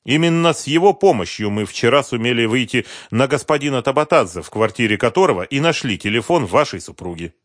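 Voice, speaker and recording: Man doing a dry measured detective, contained irritation, lively pitch, dead-dry close mic. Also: dry recording, natural voice. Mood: restrained. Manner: dry, measured, holding back anger. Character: restrained, dry male police investigator.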